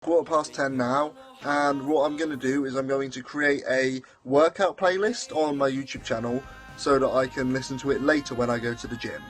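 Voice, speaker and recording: A man's voice: mid-range voice, fairly even intonation, normal speed, faint music behind. A young adult man, a student vlogger, talking casually to camera in a dry, self-deprecating way with bits of slang. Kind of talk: casual vlog talk to camera.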